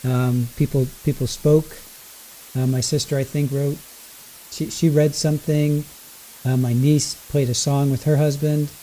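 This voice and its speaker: Mellow, high-pitched man reacting live over hiss. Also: flat delivery, a little slow, rough recording. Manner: rambling, self-correcting, exclaiming. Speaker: livestream trial commentator. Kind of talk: casual live reaction commentary. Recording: low hiss under the voice.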